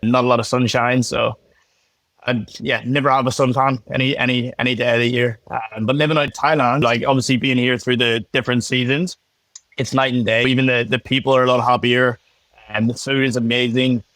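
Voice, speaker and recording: A young man with a strong Belfast accent talks in a relaxed, chatty way, full of little fillers and restarts. His voice sits at an ordinary pitch and sounds dry and close. He comes across as a casual podcast guest on a video call. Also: brisk, no room sound. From Northern Ireland. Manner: laid-back, chatty, many fillers and restarts. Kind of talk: casual interview chat.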